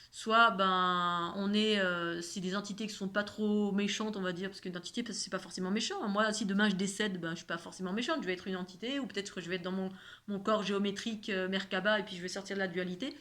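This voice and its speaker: A woman's voice: medium pitch, steady tone, fairly quick, bright, forceful tone. A woman with a slight lisp on her s sounds, speaking in a casual, rambling spiritual monologue and repeating words for emphasis.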